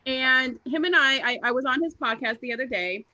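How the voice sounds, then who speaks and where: A woman's voice: sits high, a little fast, pushed and bright, dull audio. A woman co-hosting a casual morning show over a video call, playful and giggly as she tells stories. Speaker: co-host.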